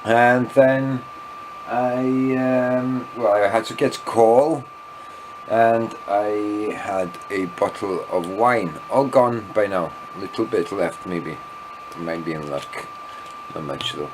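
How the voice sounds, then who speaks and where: A Welsh-accented man, a native Welsh speaker, rambles through an evening video diary while a little tipsy after wine. His voice is on the low side and slow, with a noisy background. He meanders, often loses his thread, and makes self-deprecating asides.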